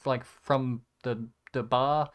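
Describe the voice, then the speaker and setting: Smooth-voiced young man telling rambling stories. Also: medium pitch, steady tone, slow pace. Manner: rambling, sarcastic, swears freely. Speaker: content creator. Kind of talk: casual storytelling over photos.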